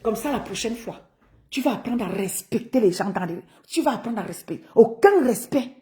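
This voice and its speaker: A woman with a Cameroonian French accent talking casually on a live stream, animated and teasing, laughing often and greeting her viewers by name. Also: fairly high pitch, normal speed.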